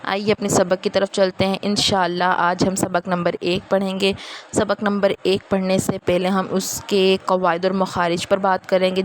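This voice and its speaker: A woman with a Pakistani Urdu accent teaching a Quran recitation lesson, repeating points and drawing out each letter slowly. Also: on the low side, a little hiss or hum. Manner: slow, drawn-out letter pronunciation and repetition.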